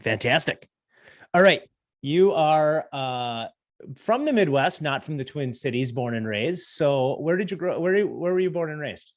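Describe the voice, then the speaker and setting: A man hosting a podcast in a friendly, halting way with many fillers. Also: a little high, lively intonation. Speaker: podcast host. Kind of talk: casual interview chat.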